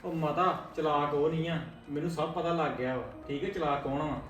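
A man's voice: a little high, fairly even intonation, a bit bright, close to an everyday voice. A man playing an exasperated young husband. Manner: fast and exasperated, lecturing. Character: young husband caught between wife and mother. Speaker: son and husband. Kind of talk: family drama acting. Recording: echoey room from a distance.

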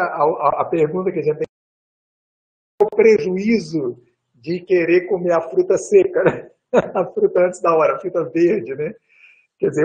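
Speaking over a video call webcam, an older guest lecturer gives a relaxed talk answering questions. His voice is on the high side and the recording is rough. He rambles, often adding tag questions and restarting sentences.

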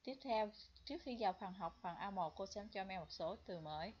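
A woman English teacher giving a bilingual vocabulary lesson, repeating each word slowly for students to copy. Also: mid-range voice, darkish tone, husky. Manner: slow drilled repetition of words. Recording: dull lo-fi recording.

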